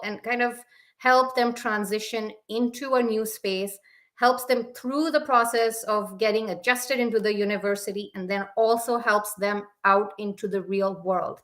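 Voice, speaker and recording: A young woman hosting a live interview show over a video call, friendly and repeating words for emphasis. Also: a little high. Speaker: podcast host.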